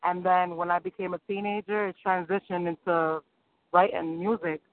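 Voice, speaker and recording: A woman with a lowish voice and flat delivery speaks at a moderate pace, a singer and rapper from New York City appearing as a guest. She answers interview questions eagerly and upbeat, laughing easily, over a dry, tinny, phone-like recording.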